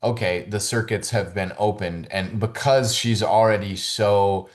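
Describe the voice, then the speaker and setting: A man who works as a holistic fitness coach, chatting as a podcast guest in a loose, rambling way full of "like" and "you know", and livening up when he gets excited. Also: fairly low pitch, unhurried. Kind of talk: casual conversational interview.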